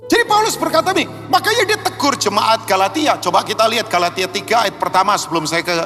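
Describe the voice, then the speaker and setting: A man preaching a sermon, animated, acting out dialogue and shouting for emphasis. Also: sits high, fast, music in the background. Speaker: pastor. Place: large church hall. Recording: long church hall reverb.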